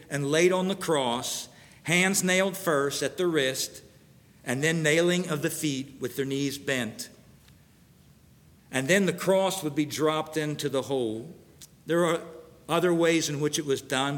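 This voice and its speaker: A pastor preaching an earnest sermon, pausing to read scripture verses aloud to his congregation. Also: on the high side, a bit bright, in a large hall.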